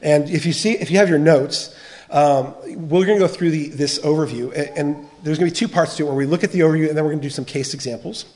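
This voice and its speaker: This is a middle-aged American man, a biblical counseling trainer, giving an earnest church teaching talk on counseling. His voice is a little high and a little mellow, he talks fast, and he often restarts his phrases.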